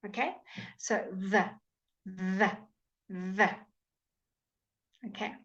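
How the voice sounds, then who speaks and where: In an online lesson, a woman teaches English pronunciation, stretching out sounds so they come through clearly. Her voice is medium in pitch and a little bright, with fairly even intonation and the high frequencies cut off. She speaks slowly and carefully, over-articulating every word.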